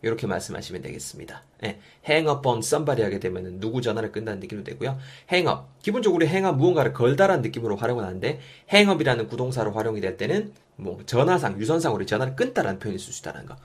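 A man teaching English phrases in an energetic spoken lesson, repeating example lines for learners to copy. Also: mid-range voice, quick pace, few pauses, husky.

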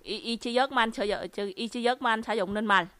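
Woman, from Vietnam, Vietnamese native speaker, radio guest, halting speech. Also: on the high side, a bit bright, no room sound. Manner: simple, halting sentences with restarts.

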